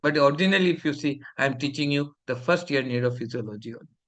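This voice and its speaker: Fast and a little bright in a mid-range voice, this middle-aged man from India speaks with an Indian English accent. Scolding and preachy, he lectures a fellowship class while slipping in Hindi.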